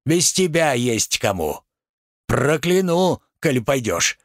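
A man's voice: medium pitch, big pitch swings, slow pace, no echo, clean studio sound, voice pushed up. A man voicing a stern, domineering older woman who talks in a scolding, commanding way.

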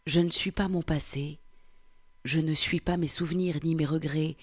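A woman's voice: low voice, fairly even intonation, slightly rough. A woman reading as a meditative middle-aged man. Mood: contemplative. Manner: slow, hushed, meditative recital. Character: 47-year-old French man, pondering who he is. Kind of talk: reading a novel aloud.

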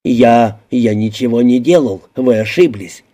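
A man's voice: mid-range voice, measured pace, warm tone, close to an everyday voice. A man voicing a stammering, terrified little man. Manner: stammering, pleading, shaky. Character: timid stammering small middle-aged man, terrified. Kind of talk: audiobook character voicing.

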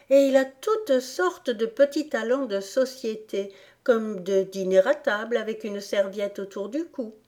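A woman's voice: a little high, darkish tone, pitched above the performer's own voice. A woman reading an audiobook, voicing a polite, eager young girl in a raised, sweet voice.

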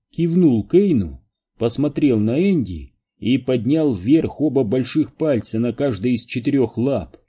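Dark, husky male audiobook narrator. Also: mid-range voice. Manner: steady, even storytelling.

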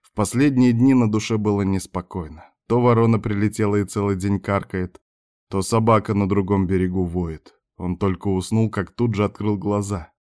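A man with a low voice reading an audiobook aloud. His narration is steady and measured. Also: clean tone. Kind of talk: scripted narration.

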